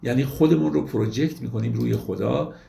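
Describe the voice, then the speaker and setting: A man giving a lecture on classical poetry, reciting verses slowly and then explaining them in plain everyday speech. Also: medium pitch, gravelly, mellow, echoey room, slight background noise.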